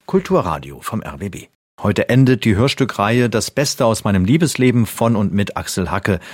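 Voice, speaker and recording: A man's voice: on the low side, expressive, normal speed, no echo, studio quality. A man reading a formal radio announcement.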